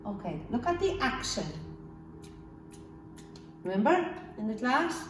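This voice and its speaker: High, sing-song woman kids show host. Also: very animated, unhurried. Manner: sing-song, encouraging, simple instructions to young children. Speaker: children's phonics teacher. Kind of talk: kids show host teaching a phonics lesson. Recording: roomy echo, distant mic, background music.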